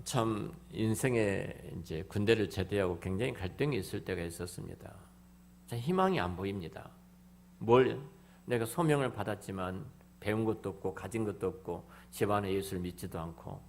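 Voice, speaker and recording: A middle-aged man preaching a sermon as pastor in a church, emphatic, swinging between loud exclamations and hushed near-whispers, often repeating words and restarting phrases. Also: on the low side, slight background noise. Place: church sanctuary.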